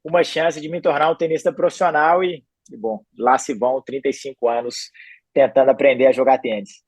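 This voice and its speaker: A man in his forties from Belo Horizonte, a retired tennis player, telling his story in a calm, easygoing way as a podcast guest. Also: mid-range voice, brisk, breathy edge, dry recording. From Belo Horizonte, Brazil. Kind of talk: relaxed interview storytelling. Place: podcast studio.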